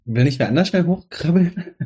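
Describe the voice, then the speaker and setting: A man playing in a tabletop role-playing game, talking in an easygoing, relaxed way. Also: on the high side, slightly rough. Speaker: player. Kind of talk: casual chat at a tabletop game.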